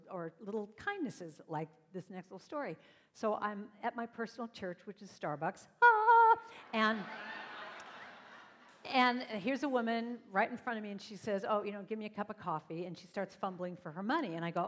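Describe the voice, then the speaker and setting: A woman telling stories to a congregation as a singer and speaker, lively and acting out the voices of the people she quotes. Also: medium pitch. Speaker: singer and speaker at a church service. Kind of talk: storytelling talk to a congregation. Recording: long hall reverb.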